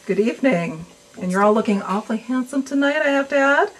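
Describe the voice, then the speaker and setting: A woman's voice: high-pitched, animated, a little fast, husky, rough recording. A woman interviewing a band at a lounge bar, chatty and enthusiastic. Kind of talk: interview hosting.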